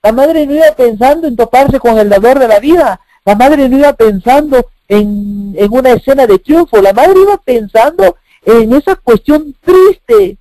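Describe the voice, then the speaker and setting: High-pitched emphatic preacher man. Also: expressive, moderate pace, few pauses, mellow, dry recording, poor audio. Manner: emphatic, rhetorical questions, repeats phrases. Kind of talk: sermon.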